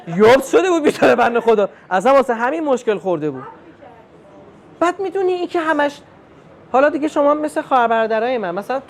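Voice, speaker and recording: A young man performing a stand-up comedy routine, telling family stories and acting out the dialogue in an animated way. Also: very high-pitched. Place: comedy club stage with live audience.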